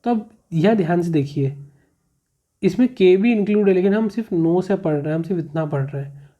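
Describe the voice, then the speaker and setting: Male teacher, mellow and patient, repeats each rule for the class, muffled lo-fi recording. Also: sits high. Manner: explains slowly, repeats rules, asks questions back. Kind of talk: classroom grammar lesson. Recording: muffled, slightly lo-fi.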